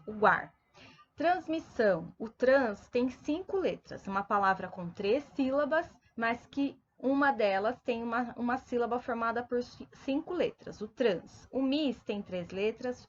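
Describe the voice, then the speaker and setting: Patient woman teacher enunciating slowly. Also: on the high side, muffled recording. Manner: slow, deliberate syllable-by-syllable enunciation; patient, addressing children directly. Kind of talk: primary school video lesson.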